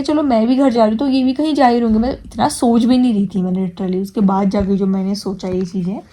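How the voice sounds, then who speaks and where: A woman's voice: on the high side, a little mellow. A young woman vlogger casually telling a story to her viewers, chatty, with English words dropped into her talk. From Uttarakhand, India. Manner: chatty, mixes in English words, repeats "theek hai".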